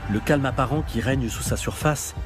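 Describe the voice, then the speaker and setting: A man's voice: medium pitch, normal speed. A man reading scripted narration for a nature documentary.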